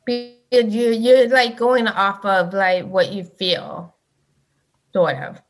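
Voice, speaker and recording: A woman guest on a podcast talking casually, halting and restarting often with many fillers. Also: mid-range voice, fairly even intonation, faint music behind. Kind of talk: casual chat.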